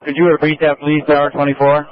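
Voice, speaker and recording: A man's voice: fairly high pitch, monotone, fast talker, no room sound. A man working as a fire incident commander on a two-way radio, giving procedural dispatch traffic and repeating reports back. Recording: muffled lo-fi fire radio transmission.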